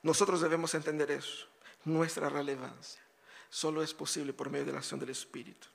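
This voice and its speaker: High-voiced male pastor in reverberant hall. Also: level tone, brisk, vocal fry. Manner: conversational preaching with rhetorical questions and asides. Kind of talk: sermon.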